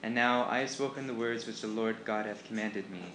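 A man's voice: on the low side, fairly even intonation, fairly quick, fairly bright tone. A man reciting scripture. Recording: echoey room with faint noise.

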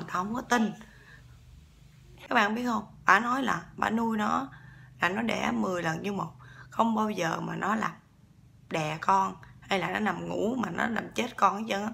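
A woman's voice: medium pitch, vocal fry, pushed and bright. A woman with a Southern Vietnamese accent telling a ghost story in a casual, chatty way and often talking straight to her listeners. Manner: chatty, keeps addressing the listeners.

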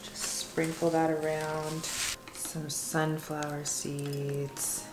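Over loud music, a young woman vlogger demonstrates a recipe in her home kitchen, casually talking through each step as she works. She has a low voice, a flat delivery, and drawn-out words. The echoey room picks up clear kitchen clatter.

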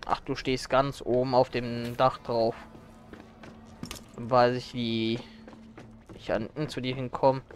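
A man livestreaming a game as a vtuber, chatting casually and thinking out loud as he plays. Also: medium pitch, little pitch movement, slow, pauses often. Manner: vtuber-style streaming chatter, thinking aloud. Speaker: livestreamer playing a zombie game. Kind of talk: casual German let's play commentary.

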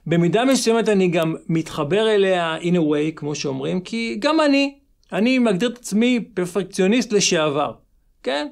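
An Israeli-accented man speaks in a high voice with a marked creak in it. He teaches like a motivational coach, exhorting the listener emphatically and repeating short phrases to drive each point home. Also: expressive. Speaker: English teacher and channel host. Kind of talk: motivational lesson to camera.

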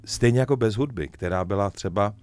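A man's voice: lowish voice, clear, resonant tone. A middle-aged man, a musician guest, chatting casually in an interview and telling jokey stories. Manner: lively joking storyteller, chuckles often.

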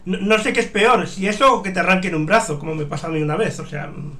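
A man in his thirties with a notably high voice hosts a casual streamed chat. He talks into a headset, rambling through anecdotes and reading out viewers' questions. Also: quick pace, bright, forceful tone. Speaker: show host. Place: home streaming room.

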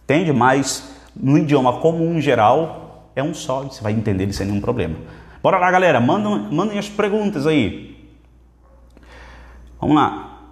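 Brazilian male language teacher, mid-pitched, lively, repeats himself, recorded in a reverberant room. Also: normal speed, pauses often. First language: Portuguese. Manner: reads viewer questions aloud, repeats phrases, energetic. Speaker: Spanish teacher. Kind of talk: live Q&A lesson. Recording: echoey room with long reverb.

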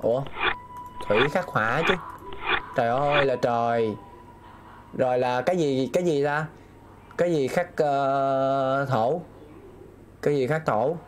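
A man's voice: medium pitch, measured pace, pauses often, noisy background. Man muttering through puzzles. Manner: talks himself through puzzles, repeating phrases aloud and reading chat. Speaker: game streamer. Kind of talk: live gameplay commentary.

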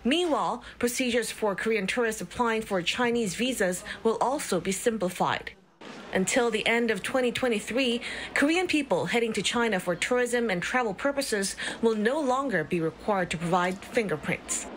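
Woman reporter signing off a news piece, kinda high voice, light hiss. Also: expressive, normal speed. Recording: faint background noise.

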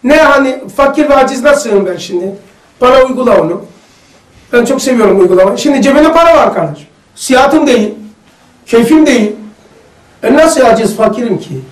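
A man's voice: very high-pitched, animated, fairly quick, pauses often. A man leading a casual religious study group, telling stories and asking the group questions. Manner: chatty, storytelling, asks the group questions. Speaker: religious study circle leader. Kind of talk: casual religious lesson with anecdotes. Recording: echoey room, mic far off.

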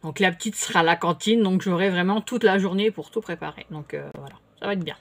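A woman's voice: on the low side, fast talker. A middle-aged woman, chatting casually at home as she answers her viewers' comments, rambling with many fillers and restarts. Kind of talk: casual chat. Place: home, indoors.

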